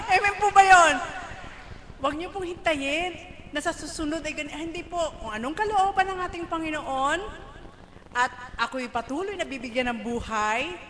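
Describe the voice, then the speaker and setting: A woman leads a church gathering, lively and calling out to the congregation. Her voice is high and sharp. It echoes through a big hall with a faint hum. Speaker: worship leader.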